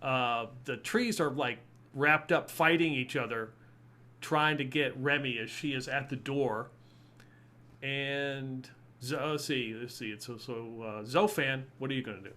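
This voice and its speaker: A man's voice: medium pitch, a little slow, sharp tone. A man narrating as game master of a tabletop game, rambling with many fillers. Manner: rambling, full of fillers and little laughs.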